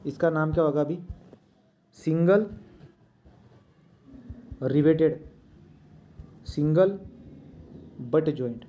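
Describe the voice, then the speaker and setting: A man's voice: fairly high pitch, mellow. A man teaching a drawing lesson, talking as he draws and checking often with "right?". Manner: talks while drawing, many checks like "right?". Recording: dull lo-fi sound.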